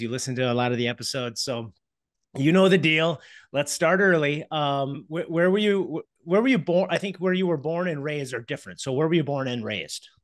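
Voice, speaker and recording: Upbeat podcast host on a dry headset. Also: male voice, a little high, dry recording. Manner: warm, upbeat, frequent fillers and restarts. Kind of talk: casual interview. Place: home office. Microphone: headset on a video call.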